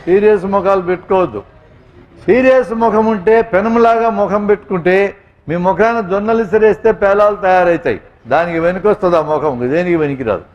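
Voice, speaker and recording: A man's voice: high voice, brisk, dull audio. A man, a doctor, giving a humorous talk to students, telling anecdotes and speaking straight to his audience. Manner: jokey storyteller, addresses audience directly. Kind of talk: humorous motivational speech with anecdotes.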